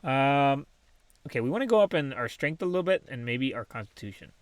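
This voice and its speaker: A man's voice: mid-range voice, lively intonation, a little fast, no echo. A man casually commentating his own game play, thinking aloud with many ums and small laughs. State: has the hiccups. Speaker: gaming channel host.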